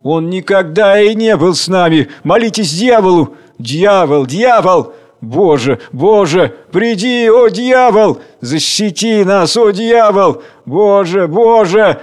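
A man voicing a despairing crowd with drawn-out, wailing pleas. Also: sits high, animated, voice pushed up.

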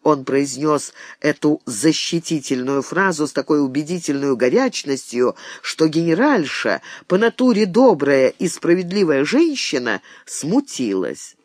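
Brief: male narrator, expressive storybook reading, somewhat high voice, dry close sound. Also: measured pace, few pauses, no echo. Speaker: audiobook narrator. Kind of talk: scripted narration.

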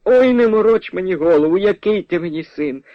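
A man's voice: high-pitched, expressive, a little fast, no room sound, voice pushed up. A man voicing a stubborn old peasant widow who scolds and refuses to believe, in a dull, dry radio recording. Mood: scolding. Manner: scolding, disbelieving, sharp-tongued.

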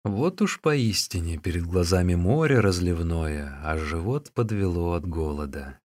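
A man narrating a classic adventure novel as an expressive audiobook reading. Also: low-pitched, a little slow, no echo, studio quality. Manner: expressive storytelling.

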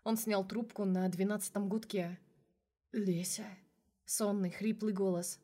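A woman's voice: medium pitch, steady tone, normal speed, dark tone. A woman narrating a first-person novel as an audiobook, reading with strong emotion.

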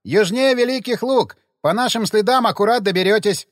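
A man's voice: sits high, normal speed, dry recording, clean studio sound, pitched above the performer's own voice, natural voice. A man doing a folksy village stranger. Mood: urgent. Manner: folksy, raised, urgent. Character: rustic village stranger, wary and blunt.

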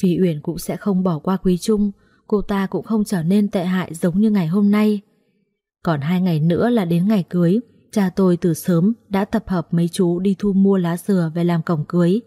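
Warm-toned woman narrating a story. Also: on the low side, normal speed. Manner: lively, conversational storytelling. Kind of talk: first-person audiobook story narration.

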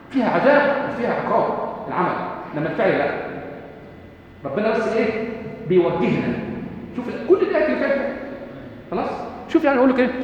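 A man with an Egyptian Arabic accent giving a lecture on Quran rhetoric, asking his class questions and quoting verses slowly. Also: very high voice, a little hiss or hum. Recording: echoey hall, dull lo-fi.

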